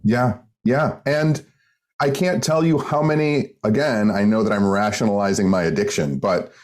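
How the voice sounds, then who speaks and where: A man's voice: lowish voice, normal speed, a little mellow. A man hosting a podcast in casual chat, candid and swearing offhandedly. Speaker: podcast host.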